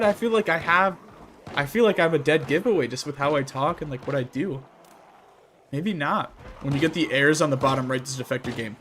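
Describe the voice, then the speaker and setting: There's a little hiss or hum behind this man's fairly bright, mid-range voice. He's from the Midwestern United States, speaks with that region's accent, and casually reads and replies to chat messages while streaming a game, laughing often.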